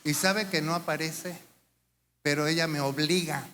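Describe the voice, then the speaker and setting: High bright-voiced pastor preaching in a hall. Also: male voice, unhurried. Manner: animated preaching, acts out quoted voices, rhetorical questions. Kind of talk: sermon. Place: church sanctuary. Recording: church hall reverb with faint room noise.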